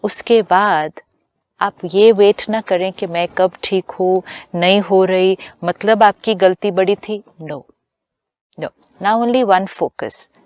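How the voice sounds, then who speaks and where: Calm, slow-speaking woman teacher. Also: mid-range voice, dry recording. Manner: calm, measured, teaching, mixes English phrases. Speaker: spiritual teacher and host. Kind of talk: spiritual talk.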